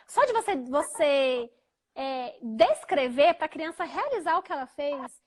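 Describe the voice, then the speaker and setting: Brief: Brazilian woman host with a very high voice, casual and halting, gentle when quoting her child-talk. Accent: Brazilian Portuguese. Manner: hesitant, with frequent restarts and repeated fillers; gentle, soft-spoken when quoting what she tells her child. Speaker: host of a live chat on parenting. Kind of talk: casual explanatory chat.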